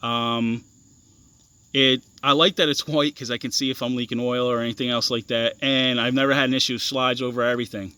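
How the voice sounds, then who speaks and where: A young man walks through the parts on his off-road bike in a loose, stop-start way, full of ums and restarts. His voice is smooth and clear, and the sound is dry, with no room echo. He talks bluntly and swears casually. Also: medium pitch, level tone, bright, forceful tone. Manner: halting, many ums and restarts, blunt and profane. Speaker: ATV owner explaining his bike mods. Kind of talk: casual walkaround explanation.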